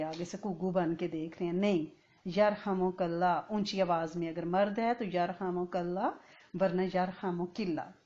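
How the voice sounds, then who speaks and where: A woman teaches a religious lesson in a conversational way, often pausing to ask "right?" and chanting Arabic phrases slowly and clearly. Her voice sits at a middle pitch for a woman. The recording sounds dull and lo-fi. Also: darkish tone. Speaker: Islamic teacher.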